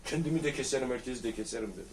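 A very fast-talking man with a mid-range voice, a comedian, casually shares rowdy school-days stories with friends. He laughs often and acts out past exchanges in boisterous fashion. The recording has a distant mic and faint background noise.

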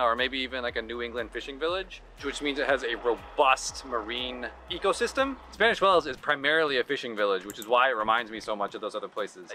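Quick bright-voiced man vlogging. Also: mid-range voice, slight background noise. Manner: upbeat, explanatory, dry humor. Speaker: travel vlogger. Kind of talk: casual vlog narration. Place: outdoors on a sunny island street. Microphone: handheld camera at arm's length.

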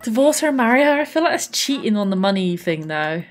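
A woman's voice: medium pitch, very animated, quick pace. A woman streaming a life-simulation game, chatting casually and gushing thanks to her viewers. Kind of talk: casual gameplay live stream chat.

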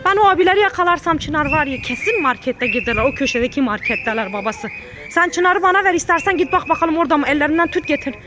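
A woman in her thirties, a mother scolding her children and repeating quick commands in a family vlog. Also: sits high, lively intonation, noisy background.

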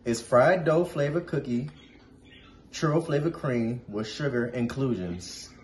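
A man's voice: medium pitch, a little slow. A man hosting a casual snack taste test, laid-back and swearing freely. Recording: echoey room with noise.

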